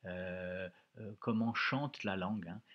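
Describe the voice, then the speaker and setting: A man's voice: low-pitched, slow pace, muffled recording. A male teacher leading a reading lesson for pupils, explaining words patiently and repeating phrases.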